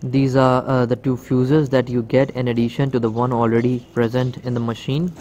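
A man's voice: medium pitch, level tone, normal speed, mellow, dull audio, a little hiss or hum. A man giving a hands-on product demonstration outdoors, talking viewers through each step and calling them "guys". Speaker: electronics video host. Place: outdoor table beside plants.

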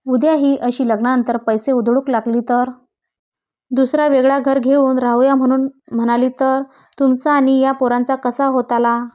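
A woman reading the lines of a sharp-tongued older neighbour who speaks with a Malvani accent and insinuates. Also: a little high, close to an everyday voice.

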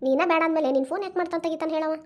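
Voicing a bitter old village mother in a cartoon, this woman scolds and lectures without mercy, using a North Karnataka Kannada accent. She speaks rapid-fire in a very high-pitched, darkish voice.

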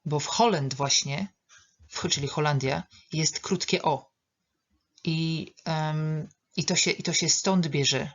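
Middle-aged woman as a pronunciation teacher: unhurried, deep for a woman, repeats each word with care. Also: dull audio. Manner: patient, modelling English words slowly and repeating them. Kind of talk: online pronunciation lesson.

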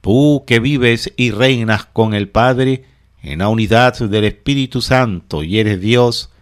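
Slow, solemn man leading prayer. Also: mid-range voice. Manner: measured, solemn reading in short phrases. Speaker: prayer leader. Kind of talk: slow liturgical prayer recitation.

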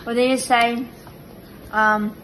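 A young woman, born in the Philippines and raised in America, sits on a sofa in a living room and introduces herself as the guest niece on her aunt's vlog. She chats casually and playfully to a phone camera a short distance away, joking and putting on silly accents. Her voice is fairly high, a bit bright, and fairly flat in pitch, and she speaks slowly. The home phone recording is clearly noisy.

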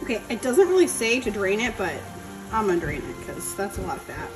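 A woman in her thirties from New Hampshire hosts a cooking channel, chatting upbeat and casually to viewers while she cooks in her home kitchen. Her mid-range voice is sing-song and a little fast, and the recording sounds roomy, with background music.

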